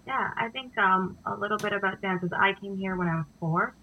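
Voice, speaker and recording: A woman's voice: medium pitch, a little fast, a little hiss or hum. A young woman born in India, a dance company co-founder, answering interview questions thoughtfully with frequent fillers. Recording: dull, lo-fi sound.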